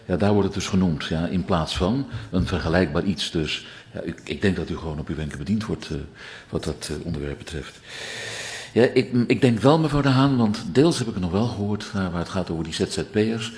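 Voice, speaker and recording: Lower-voiced man replying in a council debate. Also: expressive, a little fast, a little mellow. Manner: addresses members formally, explains at length. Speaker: alderman answering council members. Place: council chamber.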